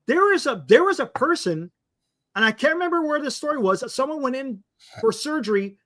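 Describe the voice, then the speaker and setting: An excitable man co-hosting a laid-back sports talk show. His voice sits high and sounds bright and sharp. He laughs often and keeps tossing in "dude.". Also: fairly quick. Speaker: co-host. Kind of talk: casual sports talk chat.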